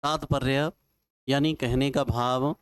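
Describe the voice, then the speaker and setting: A male Sanskrit teacher, giving a classroom lecture and dictating notes slowly, repeating each phrase with homely examples. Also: mid-range voice, fairly even intonation, clear, resonant tone, no room sound, studio quality. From Rajasthan, India. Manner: slow, repetitive dictation with folksy examples.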